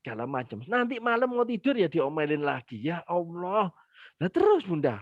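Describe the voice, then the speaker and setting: A man with an East Javanese accent giving an animated parenting talk, speaking straight to mothers and acting out little scenes. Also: high voice, normal speed, dry recording, dull audio. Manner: animated, acts out dialogues and addresses mothers directly.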